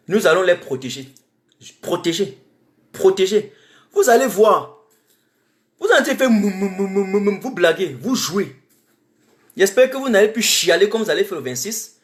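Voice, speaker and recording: A woman from Cameroon, giving impassioned, defiant political commentary on a livestream and repeating phrases for emphasis. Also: on the low side. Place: home in Germany. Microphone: webcam or phone mic on a livestream.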